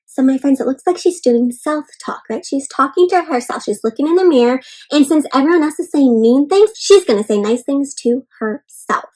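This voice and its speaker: Reading a storybook aloud to young children, this host is encouraging and reassuring, frequently pausing the story to explain things simply and check on her listeners. Her high-pitched, darkish voice is animated, at a moderate pace with hardly any pauses.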